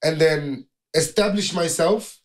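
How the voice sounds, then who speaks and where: A man's voice: fairly high pitch, unhurried. A man hosting a heated conversation, firing pointed, challenging questions. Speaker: host.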